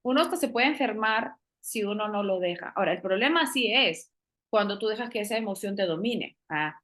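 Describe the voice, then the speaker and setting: A woman's voice: mid-range voice, lively intonation, brisk, fairly bright tone. A middle-aged woman sharing a personal faith testimony in a casual conversation, speaking earnestly with many restarts and the odd English phrase.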